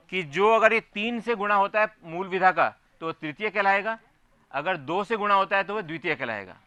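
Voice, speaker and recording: A man's voice: sits high, sharp tone, dry recording. A man teaching a physics class, explaining step by step and often asking his students whether they follow. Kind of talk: classroom lecture.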